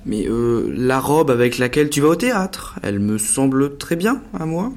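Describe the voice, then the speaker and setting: A meek, well-meaning clerk husband in an audiobook story, voiced by a man. He speaks gently and coaxingly, in a voice of ordinary middle pitch. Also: expressive, normal speed, close to an everyday voice. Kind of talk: audiobook dialogue.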